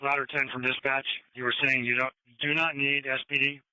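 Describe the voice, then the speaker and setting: A man working as a fire dispatcher, giving steady, businesslike calls over a police radio. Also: medium pitch, a little fast, smooth, no room sound. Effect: police radio transmission. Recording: dull, dry radio channel.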